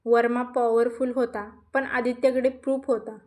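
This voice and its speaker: A woman narrating a dramatic story in a steady, measured reading voice. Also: a little high.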